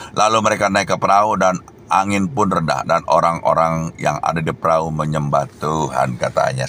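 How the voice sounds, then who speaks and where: A man's voice: extremely low pitch, gravelly, a bit bright, slight background noise. A man preaching a sermon as an evangelist, tagging his phrases with "ya" and exhorting his listeners emphatically.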